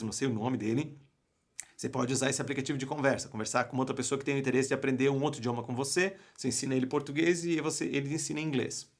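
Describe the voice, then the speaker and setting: Emphatic Brazilian man teaching live. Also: mid-range voice. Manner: emphatic, asks rhetorical questions. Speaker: English teacher and coach. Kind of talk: live online class talk.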